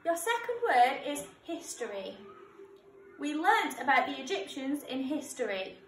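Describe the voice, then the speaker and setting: Young woman teacher, slow and deliberate spelling-test dictation, recorded at a distance in an echoey room. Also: high-pitched, big pitch swings, a bit bright. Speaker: primary school teacher. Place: indoor classroom in front of a whiteboard. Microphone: camera or phone a few metres away. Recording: roomy, distant mic, background noise.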